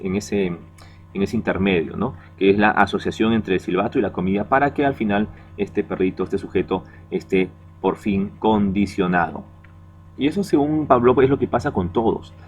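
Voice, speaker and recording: A man's voice: on the low side, a little hiss or hum. A male secondary school teacher giving a recorded class lecture, explaining patiently and checking in with "¿no?" and "¿ya?". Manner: explains patiently, tags lines with "¿no?" and "¿ya?".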